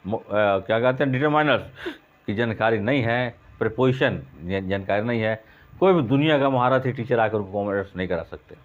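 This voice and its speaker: A man teaching English grammar for competitive exams, asking his students questions and answering them himself, and repeating key words slowly for emphasis. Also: medium pitch. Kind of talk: lecture. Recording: dull lo-fi recording.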